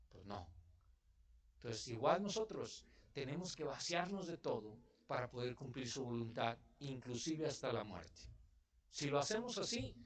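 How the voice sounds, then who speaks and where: A man from Mexico preaches in church with a voice on the high side, talking to the congregation as if in conversation. He keeps stopping to ask them questions. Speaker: pastor. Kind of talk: sermon.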